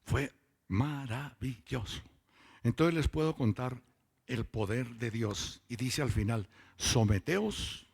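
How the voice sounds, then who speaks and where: A man's voice: mid-range voice, fairly even intonation, gravelly, husky. A man preaching a testimony sermon at a church meeting, telling stories and drawing out words for emphasis. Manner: storytelling, drawn-out emphatic words. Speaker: lay preacher giving testimony.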